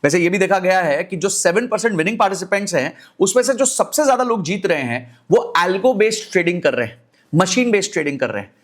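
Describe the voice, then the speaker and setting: Indian man, middle-aged, finance YouTuber, energetic, very lively pitch, rapid delivery. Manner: energetic, direct address to viewers. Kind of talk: explainer video talk.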